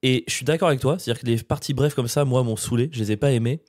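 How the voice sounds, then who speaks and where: A man from France co-hosting a podcast, rambling and poking fun at himself in quick slangy bursts. The sound is dry and close to the mic. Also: mid-range voice, darkish tone, dry recording. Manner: slangy, rambling, self-mocking. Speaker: podcast co-host. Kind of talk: casual chat.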